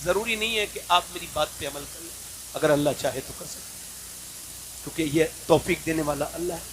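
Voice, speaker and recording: A man preaching a devotional sermon, swinging from fervent shouts to hushed storytelling. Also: a little high, a little fast, slight background noise, rough recording. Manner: fiery, rising to shouts, then hushed storytelling. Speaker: Islamic preacher.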